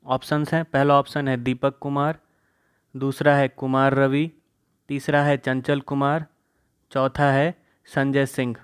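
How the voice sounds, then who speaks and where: A young male tutor talks through a current affairs quiz at an unhurried pace. His voice is smooth and clean as he reads out each question with four options and then explains the answer, slipping into his speech. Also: mid-range voice, level tone. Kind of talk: exam-prep quiz lesson.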